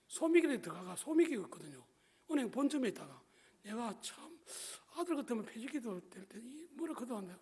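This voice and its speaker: A man's voice: very high voice, sing-song, fairly quick, darkish tone, breathy edge. A middle-aged male pastor with a Gyeongsang Korean accent, telling a personal story in a sermon with colloquial, joking asides to the congregation.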